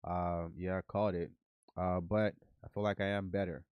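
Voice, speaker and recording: His low-pitched voice is clean and level at a moderate pace, recorded with no room sound but dull audio. He's a man hosting a casual live coding stream of trading bots, nasal from recovering from the flu, muttering to himself and to the bots.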